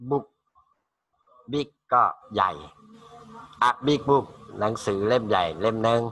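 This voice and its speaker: A man's voice: medium pitch, slow, fairly bright tone, no echo. A man teaching English to school students in an online class, reading short English phrases and then translating and repeating them in Thai.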